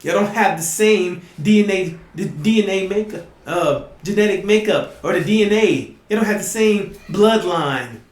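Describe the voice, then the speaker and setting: A man preaching emphatically to his listeners, often asking "you see?" and sometimes rising to a shout. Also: sits high, normal speed, hardly any pauses, roomy sound. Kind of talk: impassioned preaching monologue.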